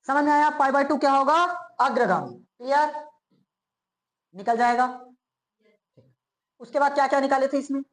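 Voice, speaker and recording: A male physics teacher giving a classroom lecture. He keeps asking quick checking questions and answers them himself, and he repeats key terms slowly. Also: very high voice. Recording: roomy echo, as if in a bare classroom.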